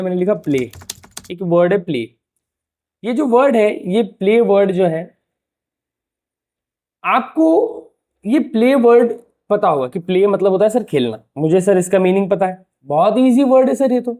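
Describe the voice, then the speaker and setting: A man teaching a lesson in a relaxed, chatty tutor's way, with a mellow, darkish voice. He keeps firing rhetorical questions and calls his listeners "brother" in a familiar tone. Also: high voice. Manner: talks to the viewer like a familiar tutor. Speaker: English teacher. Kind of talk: casual explanatory lesson to camera.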